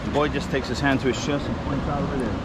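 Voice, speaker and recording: A man telling stories informally as a local guide outdoors by the sea, acting out bits of dialogue with pauses. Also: mid-range voice, fairly even intonation, over loud music. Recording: outdoor wind and boat-like ambient noise.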